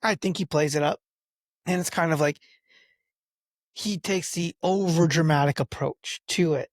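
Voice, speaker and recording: A man in his thirties co-hosting a casual talk show about parenting, telling stories with lively acted-out quotes. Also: fairly high pitch, moderate pace, no echo, studio quality. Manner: animated storyteller who acts out quoted lines. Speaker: podcast co-host, father.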